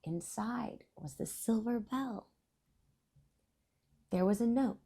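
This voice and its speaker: A woman hosts a children's storybook read-aloud, speaking in deliberate phrases and explaining things to young listeners. Her voice is a little high and mellow, with a breathy edge.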